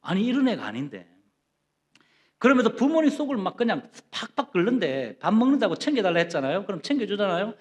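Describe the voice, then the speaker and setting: A middle-aged man preaching a sermon as pastor, telling homely personal stories in a lively, conversational way. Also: high voice, fast talker. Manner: animated, with playful personal stories.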